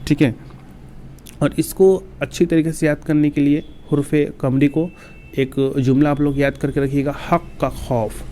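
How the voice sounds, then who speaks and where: Mellow-voiced male teacher explaining step by step. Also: on the high side, little pitch movement, moderate pace, a little hiss or hum. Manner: patient step-by-step explaining, reciting lists. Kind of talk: exam-prep grammar lesson.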